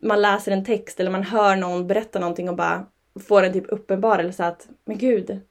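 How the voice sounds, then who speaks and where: A young woman talking casually as a parent, telling stories with lively, animated delivery. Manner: animated storytelling, jumps high when quoting. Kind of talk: casual podcast chat.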